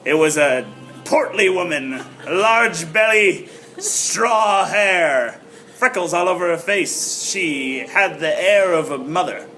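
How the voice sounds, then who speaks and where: A wry, unflappable male private eye played by a man narrates an improvised noir audio drama. His voice is fairly high, his sentences short and clipped, with music playing behind. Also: lively intonation, slow pace, bright, forceful tone, heavily acted. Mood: narrating.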